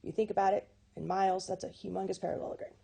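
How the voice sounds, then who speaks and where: A woman's voice: mid-range voice, steady tone, racing, gravelly, background noise. A woman teaching a recorded math lesson. She talks in a chatty way, often corrects herself and checks in with "okay?".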